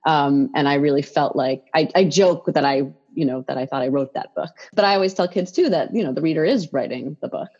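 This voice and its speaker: A woman with a low, husky voice talks through an interview in a loose, rambling way, full of fillers and restarts. The recording is dull and lo-fi. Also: fairly quick, few pauses, a little mellow. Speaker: children's picture book writer, guest. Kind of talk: casual interview conversation.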